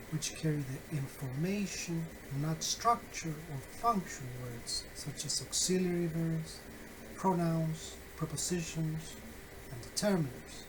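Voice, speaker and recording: A man teaching a recorded phonetics lesson over slides. He speaks slowly and patiently, with many pauses and checks like "okay?". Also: a little high, noisy background. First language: Spanish. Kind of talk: recorded online lecture.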